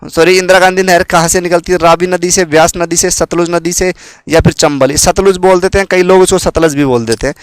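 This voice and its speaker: A man's voice: high voice, steady tone, brisk, clean tone, no echo. A male teacher running an exam-prep quiz, repeating each question and making viewers guess before he gives the answer. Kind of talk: quiz-style exam coaching.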